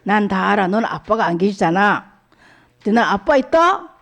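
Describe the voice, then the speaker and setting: A woman voicing a boastful little boy in a children's story, speaking slowly in a taunting child voice. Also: mid-range voice, big pitch swings, creaky, a bit bright, heavily acted. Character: boastful little boy Dori, teasing and smug.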